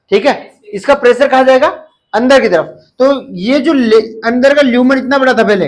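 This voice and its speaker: On a low-quality recording, a high-pitched man teaches a live nursing exam class. He lectures, quizzes the students again and again, and repeats the key terms.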